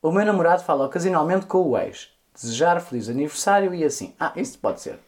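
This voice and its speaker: A man's voice: a little high, animated, fast talker. A man with a European Portuguese accent co-hosting a casual comedy podcast, reading a listener's email aloud with camp, sassy asides and frequent swearing. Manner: camp, sassy, swears freely, dramatic exclamations. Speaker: podcast co-host.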